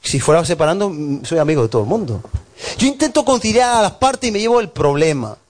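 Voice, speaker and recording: A male pastor delivering a sermon in an animated way, acting out voices and piling up emphatic lists. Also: a little high, quick pace.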